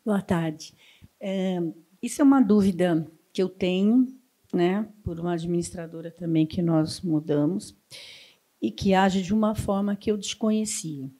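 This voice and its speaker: A woman with a mellow, darker voice asks the panel a question from the audience. She explains her situation hesitantly, step by step. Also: lowish voice, measured pace. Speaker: audience member asking a question. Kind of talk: question from the floor.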